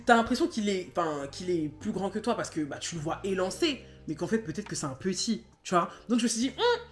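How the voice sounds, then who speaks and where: A young woman in her twenties tells a personal story straight to her phone camera. Her voice rises and falls in lively swings, and the room around her rings with echo. Faint music plays underneath her chatty, filler-heavy talk. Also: lowish voice. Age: 20s. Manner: chatty, animated storytelling with filler words and bursts of laughter. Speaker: vlogger. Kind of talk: storytime vlog.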